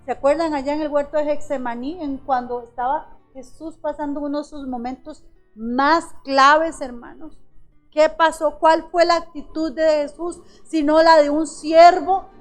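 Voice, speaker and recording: A woman with a high voice preaches a sermon, calling her listeners brothers and asking them one rhetorical question after another. She slows down to stress key phrases. Quiet music plays underneath. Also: steady tone. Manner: addresses the congregation as brothers with frequent rhetorical questions. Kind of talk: church sermon.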